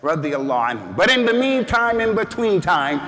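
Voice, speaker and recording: A man's voice: high-pitched, big pitch swings, moderate pace. Emphatic man preaching in an echoing mosque. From United States. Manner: emphatic, repeats words, rises to shouts. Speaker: imam giving a Friday sermon. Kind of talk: Friday sermon. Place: mosque hall. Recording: long hall reverb.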